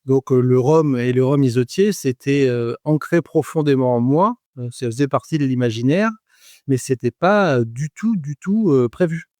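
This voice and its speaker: A man's voice: mid-range voice, moderate pace, warm tone, no room sound, clean studio sound. A man in his forties, a guest on a podcast interview, speaking with frequent hesitations, fillers and restarts. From France. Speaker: guest, rum producer.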